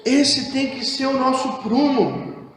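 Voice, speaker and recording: A man with a Brazilian Portuguese accent preaching a sermon as pastor, with impassioned delivery that swings between hushed low phrases and raised exhortation, recorded in a church hall. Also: slow pace, a little hiss or hum. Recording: echoey church hall with long reverb.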